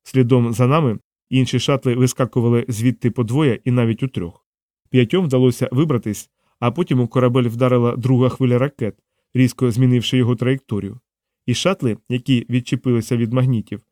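A man narrating an audiobook in a steady, measured reading. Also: mid-range voice, no room sound, studio quality.

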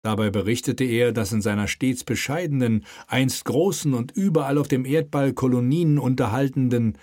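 A man's voice: medium pitch, moderate pace, darkish tone, dry recording, studio quality. Man narrating a historical audiobook. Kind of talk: scripted narration.

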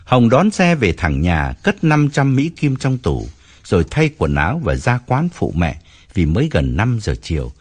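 A male narrator reads a novel aloud in a husky voice that swings widely up and down. His delivery is expressive and dramatic, shaping each sentence like a storyteller. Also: fairly low pitch, normal speed. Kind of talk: audiobook narration.

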